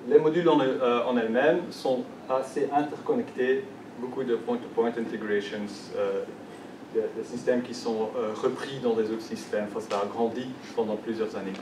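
In a large, echoey conference hall, a young man presents with a Belgian French accent, though French isn't his native language, stumbling through fillers and restarts. His voice is mid-range with fairly even intonation and a moderate pace. The mic is distant and background noise can be heard.

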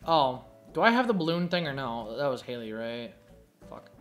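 A man's voice: mid-range voice, sing-song, normal speed, over music. A man giving casual, profane gameplay commentary, muttering to himself as he plays.

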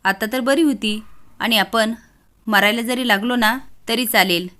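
A woman's voice: on the high side, measured pace, sharp tone. A woman narrator voicing a blunt, loyal male servant insisting a girl go. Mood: insistent.

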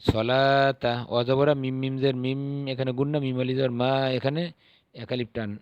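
A middle-aged man teaching Quran reading, patiently spelling out each syllable and then drawing out the recited words slowly. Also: medium pitch, flat delivery, darkish tone, smooth, no room sound, lo-fi sound.

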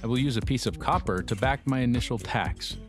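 A man's voice: mid-range voice, a little fast. Matter-of-fact man narrating a how-to. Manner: dry, matter-of-fact, with wry asides. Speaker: metalworking instructor. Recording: voice-over with music bed.

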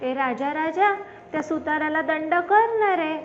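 A woman voicing a small, excited female sparrow in a children's story, talking high and childlike. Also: measured pace, soft background music. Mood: pleading. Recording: dull lo-fi with faint background noise.

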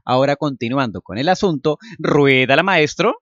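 A man who makes videos pauses the clip to explain himself to his viewers in an earnest voice-over. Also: mid-range voice, animated, fairly bright tone, no echo, lo-fi sound. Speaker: vlogger.

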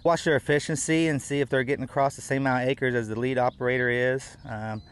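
A man's voice: mid-range voice, level tone, fast talker. A middle-aged man, a farmer speaking practically in an on-camera interview outdoors, with fillers. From United States.

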